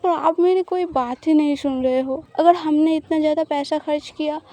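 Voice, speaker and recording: A woman's voice: high voice, steady tone, moderate pace, mellow, natural voice. A woman voicing anxious, teary young Isa. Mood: worried. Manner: worried, pleading.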